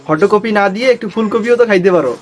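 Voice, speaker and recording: Faint music sits behind this man, whose voice is pitched high and whose delivery is very fast. Hosting a meme review channel with a Bangladeshi accent, he reads scripted jokes that mock and tease the memes.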